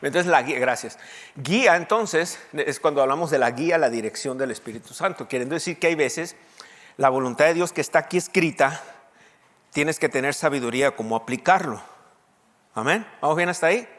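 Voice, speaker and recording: A man's voice: fairly high pitch, a little fast, big-room sound. A man preaching a sermon as pastor, speaking to the congregation and reading scripture aloud with emphatic repetition. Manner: lively preaching with quoted scripture and asides to the congregation.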